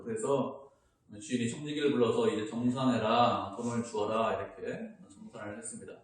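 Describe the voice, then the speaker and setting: A man preaching a sermon as a pastor in a conversational way, now and then acting out people's complaints. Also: mid-range voice. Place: church sanctuary. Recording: very echoey church hall.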